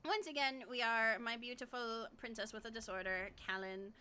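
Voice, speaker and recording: A woman with a high, very bright voice streams a game and chats casually. She sounds cute and bubbly, like an anime streamer, with a giggly, self-deprecating way of talking. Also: steady tone, moderate pace, smooth. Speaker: streamer, VTuber. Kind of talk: casual livestream gaming chat.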